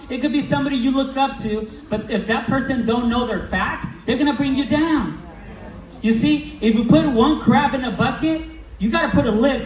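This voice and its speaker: A man giving a motivational stage talk to a live audience, slangy and energetic, telling stories and quizzing the crowd. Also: very high voice. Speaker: business coach speaking at a recruiting meeting. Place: event hall with a live audience. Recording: roomy hall, mic from a distance, faint background noise.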